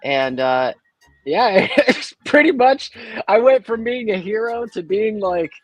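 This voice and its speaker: A man's voice: high voice, slow, no room sound, soft background music, poor audio. A man on livestream headset audio, dry, close sound. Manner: animated, acts out quoted people with a raised voice. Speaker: caller on a livestream. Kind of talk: casual chat, telling a story.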